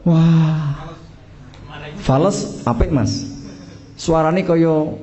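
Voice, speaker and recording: With a mellow voice on the high side, a Javanese-accented man teaches a casual class on the call to prayer, speaking very slowly. He trains imams and muezzins as an Islamic teacher. Along the way he jokes, teases his students, and works local slang into the lesson.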